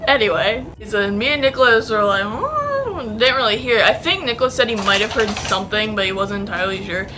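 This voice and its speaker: A woman's voice: mid-range voice, quick pace, few pauses, noisy background. A young woman telling a story in casual vlog style, rambling and profane, with many fillers. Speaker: vlogger.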